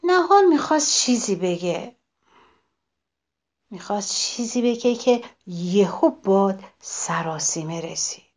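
A woman reading a story aloud to children, expressive and addressing them directly. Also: medium pitch.

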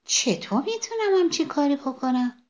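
A woman's voice: high-pitched, expressive, voice pushed up. A woman voicing a sad, lonely young sunflower who talks in a plaintive, wistful, pleading way. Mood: eager.

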